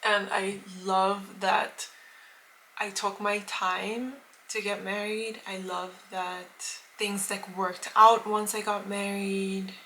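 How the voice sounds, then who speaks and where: A young woman in her late twenties chats to her camera in a loose, rambling way, circling back and correcting herself often. Her voice is bright and forward, and her tone is casual vlog talk. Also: mid-range voice, little pitch movement, slow pace, a little hiss or hum, low-quality recording. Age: late 20s. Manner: chatty and rambling, many fillers and restarts. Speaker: vlogger.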